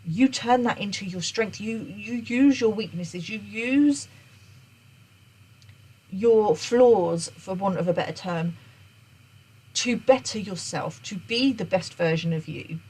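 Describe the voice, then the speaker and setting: Husky-voiced woman giving a tarot reading. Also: medium pitch, takes it slowly, a little mellow, rough recording. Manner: earnest, repeats and restarts phrases, checks in with "okay?". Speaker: tarot reader. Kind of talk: unscripted tarot reading monologue.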